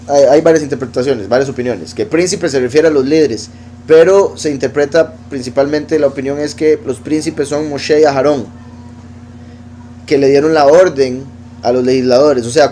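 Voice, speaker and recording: Man as a Bible study teacher, mellow tone, faint noise behind him. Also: on the high side. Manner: explanatory, reads verses aloud and pronounces Hebrew words slowly. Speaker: teacher of scripture.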